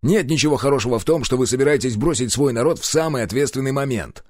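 A man voicing a stubborn, reluctant hero who answers bluntly and gruffly and swears when pushed. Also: mid-range voice, quick pace, no echo, studio quality, voice pushed up, lightly acted.

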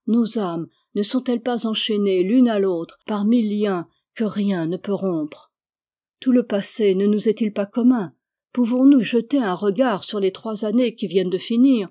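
A woman's voice: mid-range voice, dark tone, lightly acted. A woman reading a remorseful young man pleading.

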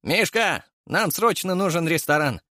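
A man voicing a loud, boastful young show-off who brags and taunts in a squeaky voice. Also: animated, unhurried, no room sound, studio quality. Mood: demanding.

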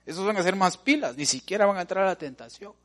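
A man preaching a sermon, lively, swinging from loud to hushed as he calls the listeners brother. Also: high-pitched, fast talker. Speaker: pastor.

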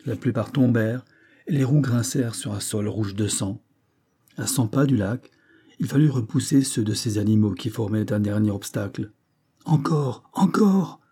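A man narrating a classic adventure novel as an audiobook, in a steady, measured storytelling manner. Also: fairly low pitch, husky.

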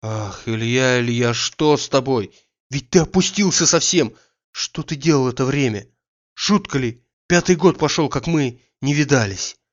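A man reading the part of an energetic grown man who presses his old friend with urgent questions, in a slightly dull recording. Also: medium pitch, a little slow, natural voice. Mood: urging.

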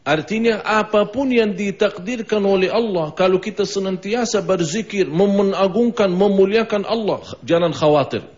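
A man's voice: high voice, moderate pace, darkish tone. A man with an Indonesian accent giving a mosque sermon, telling a story, acting out the voices and chanting phrases of remembrance, on a dull lo-fi broadcast recording. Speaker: preacher.

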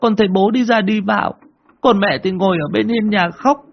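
A man's voice: sits high, brisk, creaky, lo-fi sound, pitched above the performer's own voice. A man doing a sobbing, terrified young boy. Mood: tearful, terrified. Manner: stammering, tearful.

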